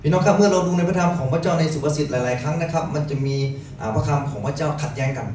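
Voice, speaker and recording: Fast-talking male sermon interpreter. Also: a little high, darkish tone. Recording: very echoey hall, distant, noisy.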